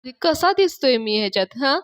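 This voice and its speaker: A woman's voice: high-pitched, lively intonation, a little fast, voice pushed up. A woman reading as a flustered older man. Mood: nervous. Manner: anxious, stammering, pleading.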